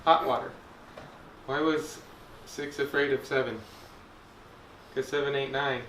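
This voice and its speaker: A man's voice: medium pitch, fairly even intonation, a little slow, a bit bright. A man telling dad jokes as setup and punchline for a family challenge video. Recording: roomy, distant mic, faint background noise.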